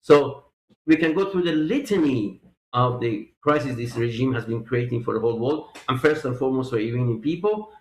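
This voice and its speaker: A man's voice: medium pitch, lively intonation, brisk. Emphatic male interview guest, roomy sound. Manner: emphatic, repeats key points. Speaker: political guest. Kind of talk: interview answers.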